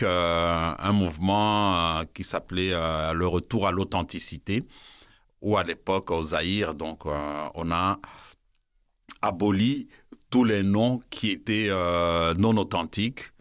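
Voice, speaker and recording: A middle-aged man from the Democratic Republic of the Congo, explaining at a measured pace with many pauses and fillers. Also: low-pitched, a bit bright, clean tone, no room sound, clean studio sound. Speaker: museum director, guest. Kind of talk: interview storytelling.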